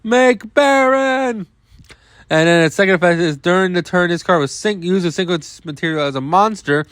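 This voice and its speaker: Fast and fairly high-pitched, with a slightly bright tone, this young card game host reviews cards in a loose, think-aloud style full of restarts and occasional swearing. The sound is dry and clean, like a studio.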